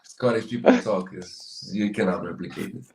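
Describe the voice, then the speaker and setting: A man's voice: low-pitched, moderate pace, gravelly, a loud crowd. A man with a Romanian accent in a casual chat, earnest and repeating words as he talks.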